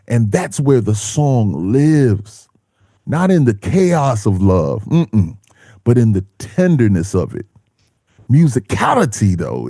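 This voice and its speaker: A man hosting a music show, giving scripted commentary in a laid-back way with slang and drawn-out, emphatic phrasing. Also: medium pitch, mellow, no room sound, clean studio sound.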